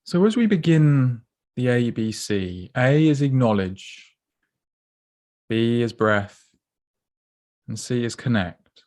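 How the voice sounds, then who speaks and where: Guiding a body scan, a man with a mid-pitched, animated voice gives gentle, unhurried instructions. He pauses between phrases, leaving room for the listener.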